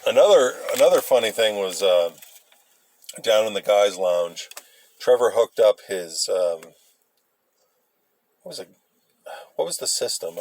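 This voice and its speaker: A man casually rambling through old memories, halting and hesitant as he searches for details. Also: on the low side, darkish tone. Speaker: vlogger recounting memories. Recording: noisy, with vehicle and ambient sound.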